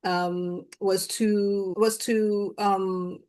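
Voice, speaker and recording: A woman in her sixties hosting an interview, speaking softly and haltingly with many restarts. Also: medium pitch, flat delivery. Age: 60s. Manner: soft, halting, many restarts and trailing words. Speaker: host. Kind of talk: heartfelt conversational interview.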